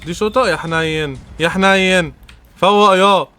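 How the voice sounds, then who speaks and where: A man's voice: high voice, moderate pace, pushed and bright, smooth. A young man with an Egyptian Arabic accent, a gaming streamer giving frustrated, trash-talking commentary over gameplay. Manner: frustrated, trash-talking, swears and mocks the opponent.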